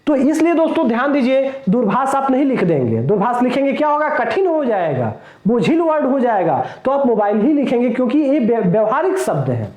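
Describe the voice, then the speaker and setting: A male teacher giving a lecture in a classroom, explaining slowly, repeating his points and asking the class rhetorical questions. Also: very high voice, sing-song, a little mellow, echoey room.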